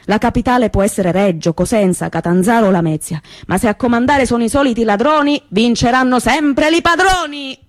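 A woman's voice: fairly high pitch, fairly quick, few pauses, no room sound, clean studio sound, close to an everyday voice. A woman voicing a cheeky young male barman, teasing and reciting rhyming toasts. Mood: toasting.

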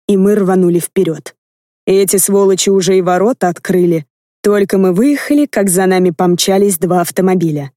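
A woman reading a first-person fantasy audiobook with lively, expressive narration. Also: medium pitch, no echo, clean studio sound. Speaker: audiobook reader.

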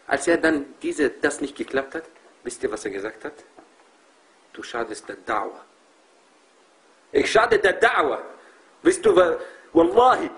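A man's voice: fairly high pitch, poor audio. A man preaching passionately to a group of brothers, emphatic and full of rhetorical questions. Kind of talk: impassioned religious talk.

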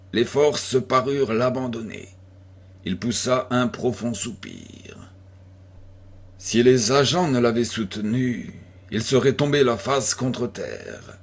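Male audiobook narrator, husky voice, very unhurried delivery. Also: medium pitch, darkish tone. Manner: slow, deliberate reading. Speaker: audiobook reader. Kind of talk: scripted narration of a 19th-century detective novel.

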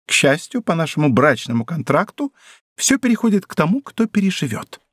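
A man's voice: sing-song, fairly quick, a bit bright, husky, no echo, clean studio sound, heavily acted. A man voicing a miserly, lovestruck middle-aged prosecutor's wife who pleads and scolds. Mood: eager. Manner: pleading, shrill, emotional.

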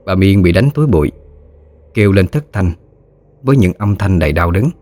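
Deep-voiced man narrating. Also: fairly quick. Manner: steady storytelling. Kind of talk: scripted ghost story narration.

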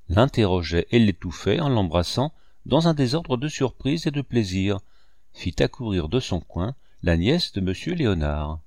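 A man reading a French novel aloud in a measured, even literary narration. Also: on the low side, dry recording, studio quality. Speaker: audiobook reader.

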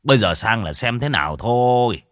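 A man's voice: mid-range voice, lively intonation, normal speed, a bit bright, dry recording, clean studio sound, voice pushed up, close to an everyday voice. A man voicing a brusque, greedy old village sorcerer who scolds everyone around him. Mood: scolding.

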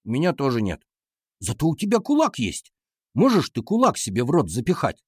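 Mischievous schoolboy, voiced by a man: cheeky, animated, dry close read. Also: mid-range voice, a little fast, breathy edge, no room sound. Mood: teasing.

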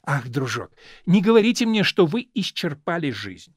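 Man doing a fussy older high-society lady, meddling matchmaker, raised pitch, lively swoops, storybook reading. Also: normal speed, husky, dry recording, clean studio sound.

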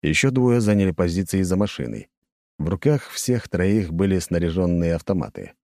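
Deep, dark-voiced male audiobook narrator. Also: no echo, clean studio sound. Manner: even, measured storytelling.

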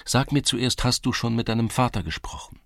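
A man putting on a bashful seventeen-year-old village girl, raising his voice well above his usual low register. She speaks softly, with longing and gentle teasing, a faint gravel still in the tone. The audiobook is recorded close and dry. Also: steady tone, brisk, no room sound. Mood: tender. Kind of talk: audiobook character reading.

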